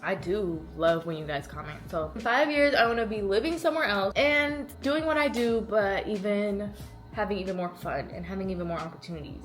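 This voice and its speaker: A woman in her early twenties answering questions as a content creator in a casual, animated, slangy and playful way. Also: medium pitch, a little fast, faint music behind. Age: early 20s. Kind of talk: casual chatty Q&A.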